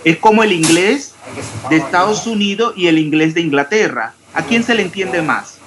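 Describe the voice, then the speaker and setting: This online chemistry lesson features a Panamanian man quizzing and correcting students at normal speed. His careful diction catches every consonant, even the final s, in a somewhat high male voice, with faint hiss in the background.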